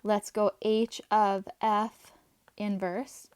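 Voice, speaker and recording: Woman, math teacher, slightly hoarse, chatty, mid pitch, dry close sound. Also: little pitch movement, very slow, darkish tone, no echo. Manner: chatty, talks while writing, asides to students. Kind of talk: classroom math lesson.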